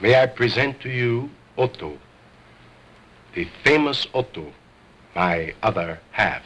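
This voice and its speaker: A man's voice: medium pitch, lively intonation, slow pace, fairly bright tone, slightly rough, heavily acted. An actor playing an egocentric, stern stage ventriloquist who talks in a grandly formal showman's manner, in an old 1929 film. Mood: pompous. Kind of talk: 1920s stage and film acting. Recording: vintage 1929 film soundtrack.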